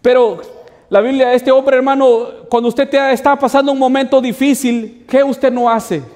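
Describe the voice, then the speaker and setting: A man's voice: extremely high pitch, fairly even intonation, moderate pace, darkish tone. A man preaching as a pastor, addressing the congregation as brothers and asking rhetorical questions. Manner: preaching with repeated "hermanos" asides and rhetorical questions. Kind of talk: sermon. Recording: long hall reverb.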